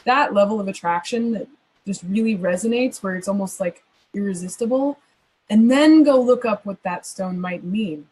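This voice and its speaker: Woman, husky, medium pitch, rambling, thoughtful, interview guest. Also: moderate pace, a little mellow, poor audio. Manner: thoughtful, rambling with many fillers. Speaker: astrologer guest. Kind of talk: conversational Q&A answers.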